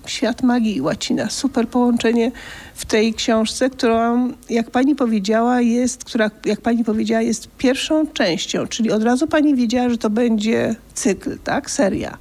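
A woman's voice: a little high, measured pace, darkish tone. A woman hosting a radio interview, asking questions in an engaged, conversational way. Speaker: radio host.

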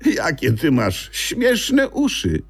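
A man voicing a bored, cheeky young female squirrel in a children's audiobook, with shrill, teasing exclamations. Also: huge pitch swings, slow pace, creaky, darkish tone, breathy edge, heavily acted. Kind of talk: audiobook character voice.

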